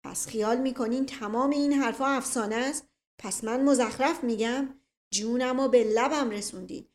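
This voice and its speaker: A woman voicing a paranoid older man from a storybook who rants loudly and furiously at his relatives. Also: high-pitched, pitched above the performer's own voice, natural voice. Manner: loud outraged ranting. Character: paranoid older male uncle, furious and ranting.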